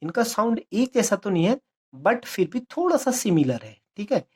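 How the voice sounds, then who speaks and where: A woman with an Indian accent teaching terms for an exam. She drags out English definitions slowly, explains faster in Hindi, repeats key words and asks rhetorical questions. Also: mid-range voice, sing-song, warm tone, husky. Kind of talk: exam-prep lesson.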